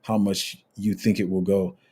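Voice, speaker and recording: A man hosting a crypto livestream, casually reading out viewer comments in a relaxed, rambling way with lots of fillers. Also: deep voice, unhurried, breathy edge.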